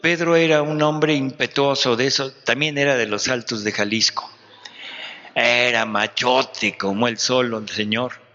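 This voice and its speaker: Retreat preacher, unhurried, joking, bright voice; muffled hall recording. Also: male voice, medium pitch, steady tone. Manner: conversational, joking, quizzes the audience. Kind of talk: sermon. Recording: dull recording in a reverberant hall.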